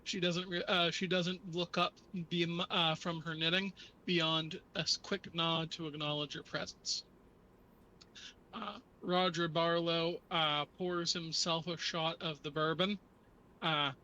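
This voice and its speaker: Male game master, higher-pitched and bright, unhurried halting narration of a tabletop game. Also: little pitch movement, rough recording.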